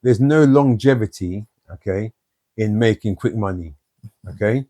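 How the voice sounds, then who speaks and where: A man's voice: fairly low pitch, unhurried, dark tone, dry recording. A man telling blunt, streetwise stories from his own life in an interview. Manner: blunt, streetwise storytelling with many "you know"s. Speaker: guest.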